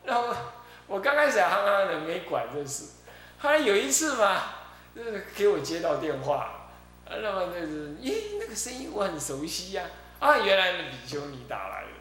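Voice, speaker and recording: Taiwanese monk telling lively dharma stories. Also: male voice, sits high, moderate pace. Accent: Taiwanese Mandarin. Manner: chatty storytelling with frequent chuckles. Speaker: Buddhist abbot. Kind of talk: dharma talk with anecdotes. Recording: roomy echo with faint hum.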